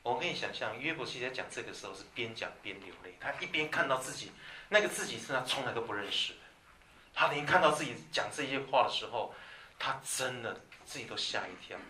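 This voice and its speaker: A man delivers a sermon in a crisp, bright voice. He moves between soft, intimate asides and loud, emphatic lines. He sounds roomy and a little distant from the mic, with faint ambience behind him. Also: mid-range voice, animated, fast, a little hiss or hum. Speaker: preacher. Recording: echoey room from a distance.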